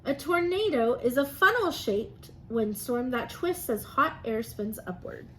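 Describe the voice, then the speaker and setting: Her high, expressive voice moves a little slowly, captured on a rough recording with noticeable background noise. The teacher reads to small children, explaining science with simple, upbeat encouragement.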